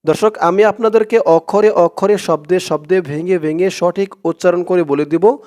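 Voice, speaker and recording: High, clear-voiced man teaching Quran recitation. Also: mellow. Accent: Bangladeshi. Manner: spells out letters and vowels, then recites slowly and drawn out. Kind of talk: step-by-step recitation lesson.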